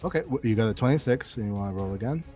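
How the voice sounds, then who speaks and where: A man acting as game master, narrating scenes in a loose, rambling way and laughing often, with soft music in the background. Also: on the low side, expressive, very fast. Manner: giggly, loose, rambling descriptions.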